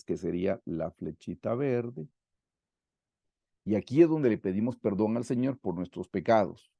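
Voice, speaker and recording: A man from Guatemala leads a Bible study over a video call, voicing prayers aloud and calling his listeners brothers. His tone is earnest and mellow, with a low, dark warmth. The sound is dry and close. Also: vocal fry, no room sound. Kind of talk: teaching and modeling prayer.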